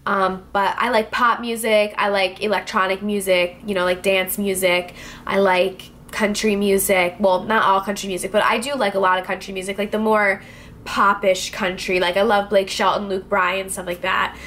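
A twenty-year-old beauty vlogger from New Jersey answers viewer questions in a casual video, speaking at a moderate pace in a flat, mid-range, slightly bright voice peppered with "like" and "I don't know." She sits close to the camera in a small room with a clothes rack behind her, and slight background noise is audible.

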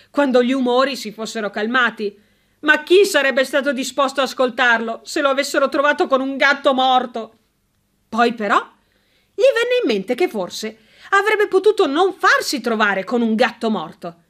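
A woman narrating a humorous story as an audiobook, with a lively and expressive reading. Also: sits high, normal speed.

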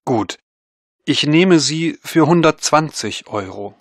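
A man's voice: a little high, lively intonation, dry recording, full character voice. An actor playing a man who wants to buy a washing machine, in a scripted textbook dialogue recorded in a studio. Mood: haggling. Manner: slow, deliberate speech. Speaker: buyer.

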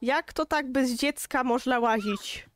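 A woman's voice: high voice, takes it slowly. Chatty, exasperated young Polish woman. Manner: exasperated, chatty, talks to viewers. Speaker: gaming YouTuber. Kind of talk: casual gameplay commentary.

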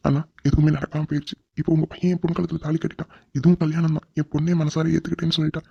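Man doing earnest bride's dad in a cartoon, pleading, fast, dull lo-fi audio. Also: a little high, flat delivery, vocal fry, mellow, husky, dry recording. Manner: pleading, heartfelt. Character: middle-aged father of the bride, tearful and earnest. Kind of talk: cartoon drama voice acting. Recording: dull lo-fi recording.

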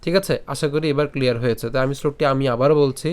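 A man teaching how to pronounce and recite a Sanskrit verse, patiently breaking the words into syllables and repeating them slowly. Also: mid-range voice, fairly even intonation. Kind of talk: pronunciation lesson with slow chanted recitation.

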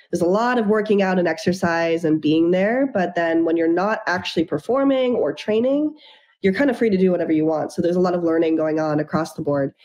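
A young woman founder speaks on a webcam video call from a room at home, her voice low for a woman and mellow in tone. She tells her story in an upbeat, fluent way as the guest of an interview. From Japan and the United States.

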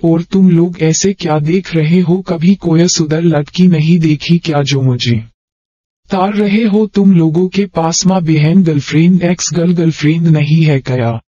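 A man's voice: on the high side, dark tone, no room sound, highs cut off. A man doing a brash tearful young woman. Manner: switches between whiny pleading and cocky slang.

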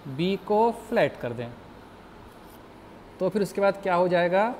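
A man teaching music theory in a slow, patient lecture, explaining step by step and asking the class questions. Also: sits high, lively intonation, darkish tone, slight background noise.

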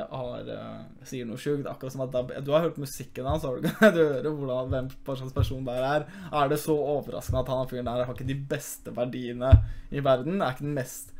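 A young man with an Oslo youth-slang accent, ranting casually to his viewers, with plenty of slang and swearing. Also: on the high side. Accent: Norwegian (Oslo youth slang). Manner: slangy, swears often, addresses viewers as "the guys". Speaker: YouTuber reacting to news. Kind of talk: casual rant.

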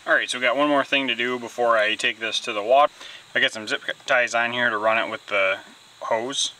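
Laid-back bright-voiced man tinkering. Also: mid-range voice, fairly even intonation, brisk, a little hiss or hum, rough recording. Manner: laid-back, rambling with fillers. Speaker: DIY mechanic vlogger. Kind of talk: casual workshop narration. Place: garage and backyard, indoors and outdoors.

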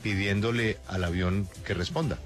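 A man's voice: lowish voice, fairly even intonation, normal speed, faint music behind. A man hosting a live radio news discussion, putting questions to colleagues.

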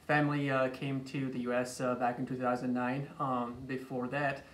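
A young Iraqi man in his late 20s, a chiropractor being introduced, tells a personal story in an informal interview, halting and repeating words and phrases. His mid-range voice has a level tone. A phone camera a few feet away records him in a small indoor office, giving an echoey, distant sound with faint noise.

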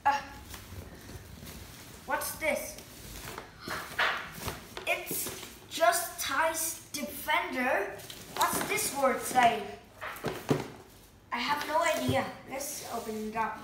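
A woman vlogger unboxing a toy, excitedly exclaiming and talking to viewers in slightly broken English. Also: high-pitched, extremely slow, long pauses. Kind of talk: casual unboxing vlog. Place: indoors at home. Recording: echoey room, faint noise.

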